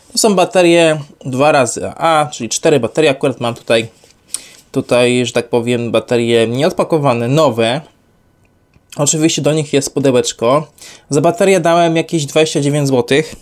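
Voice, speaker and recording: A young adult man giving an unscripted product review, rambling with many fillers and self-corrections. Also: a little high.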